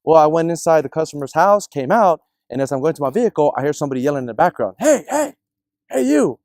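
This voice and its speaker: A man telling a personal story in casual discussion, animated and acting out the people in it. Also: a little high, racing, no echo, clean studio sound. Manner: animated, acts out other people's voices in his stories.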